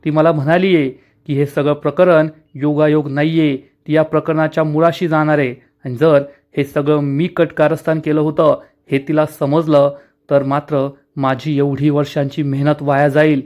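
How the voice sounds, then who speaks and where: A man voicing a scheming, vengeful woman company owner who speaks in a cold, low, menacing way. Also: little pitch movement, normal speed, darkish tone, natural voice.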